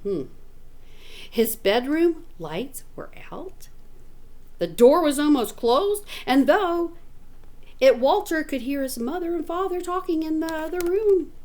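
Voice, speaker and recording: A middle-aged woman teacher reads a picture book to children in a high-pitched voice, taking her time. She's animated and chatty, adding asides and explaining words to the kids.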